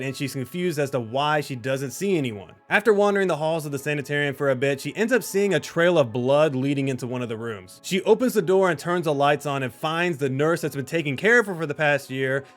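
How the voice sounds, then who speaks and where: A man narrating his own movie script in a casual, conversational way, with small restarts. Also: fairly high pitch. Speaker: video creator.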